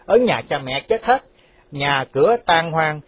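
A man's voice: fairly high pitch, lively intonation, unhurried, no echo. A man voicing a vengeful escaped male convict who speaks firmly and scoldingly. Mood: reproachful. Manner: firm, scolding. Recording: dull lo-fi dry recording.

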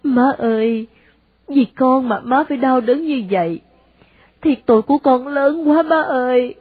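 A woman's voice: very high-pitched, moderate pace, no room sound, phone-quality sound, pitched above the performer's own voice. A woman with a Southern Vietnamese accent voicing a heartbroken young man who tearfully questions his mother. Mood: pleading.

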